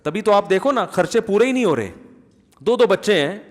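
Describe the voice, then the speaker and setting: A man's voice: high voice, expressive. A middle-aged man preaching a sermon as a cleric, joking and acting out the people he quotes, then building to emphatic oaths. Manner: humorous, acts out quoted people; emphatic oaths, rising fervor. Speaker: Islamic cleric. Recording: long hall reverb.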